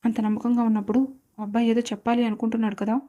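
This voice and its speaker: A woman's voice: fairly high pitch, flat delivery, very fast, dark tone, close to an everyday voice. Woman voicing a stern, furious older man. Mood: angry. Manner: harsh, commanding. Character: stern, angry older father figure.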